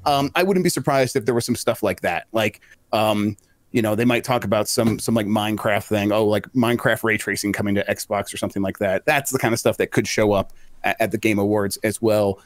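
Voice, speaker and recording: A man chats rapidly as a podcast guest, tripping over his words and restarting often. His voice sounds dry and close to the mic. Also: on the low side, no room sound. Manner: hesitant, stammering restarts. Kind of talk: casual podcast chat.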